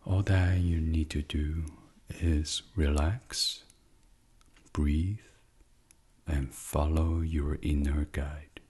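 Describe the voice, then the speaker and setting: A man's very deep voice, breathy at the edges and barely moving in pitch, leads a guided sleep meditation. The delivery is soft, hushed, and ASMR-like, with long silences and phrases close to a whisper.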